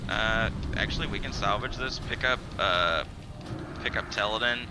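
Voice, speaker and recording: A man's voice: lowish voice, moderate pace, background noise. A man making callouts to his team in online game voice chat. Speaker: raid caller. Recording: voice chat under loud game music.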